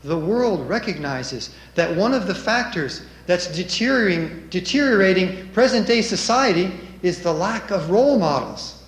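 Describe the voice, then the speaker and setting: A man preaching a sermon and reading scripture aloud, with a measured, emphatic delivery and dramatic rises. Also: high-pitched, expressive, roomy sound.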